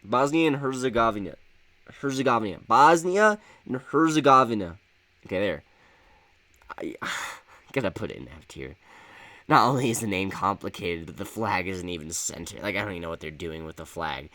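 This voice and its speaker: A man with a low voice that swings up and down with animated expression rambles through his opinions in an offhand, joking way. He leans on fillers and tosses in the odd curse. The sound is dry and close, with no room around it. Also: brisk, no echo. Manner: rambling and offhand, with frequent laughs, swearing and filler words. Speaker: video host ranking flags. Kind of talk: casual unscripted commentary.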